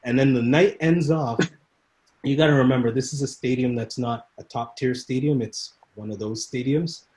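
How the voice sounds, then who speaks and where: Muay thai coach guy spinning a story on a podcast, mid-pitched, really animated, acts out the people in it. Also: normal speed. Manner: animated storyteller who acts out quoted people and laughs often. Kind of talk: casual storytelling in a podcast interview.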